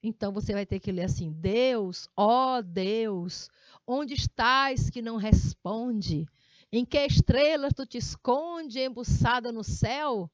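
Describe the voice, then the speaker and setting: A woman's voice: a little high, a little mellow, no echo. A woman with a Brazilian accent teaching a grammar lesson, explaining step by step and checking in with frequent tag questions. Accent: Brazilian Portuguese. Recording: dull lo-fi audio.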